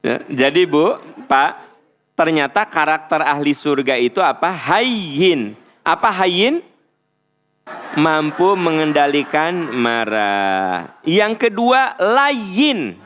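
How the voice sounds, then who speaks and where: Middle-aged man, Sundanese accent, lively preacher; slightly high voice, very expressive pitch, playful delivery. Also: extremely slow, long pauses, clear, resonant tone. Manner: animated, playful, acts out little dialogues. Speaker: Islamic preacher. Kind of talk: lively religious lecture.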